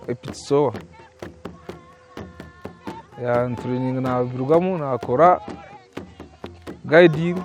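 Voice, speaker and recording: A man, a tour guide telling his story with some animation in a documentary interview. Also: fairly high pitch.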